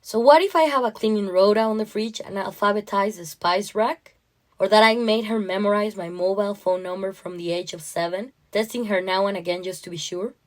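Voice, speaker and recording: A woman's medium-pitched voice moves briskly through a first-person literary short story, read with intense emotion and expressive delivery.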